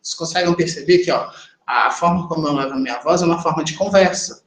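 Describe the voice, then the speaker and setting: A man's voice: on the high side, fast. A Brazilian Portuguese-speaking man teaching a class on sign language interpreting in a conversational lecture style, talking straight to his students and checking in with them. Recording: echoey classroom with faint ambience.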